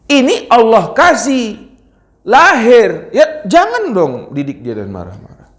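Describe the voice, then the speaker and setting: A man preaching a Friday sermon to a mosque congregation, lively, scolding and joking the crowd. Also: very high voice, slow. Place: mosque hall. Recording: echoey mosque hall.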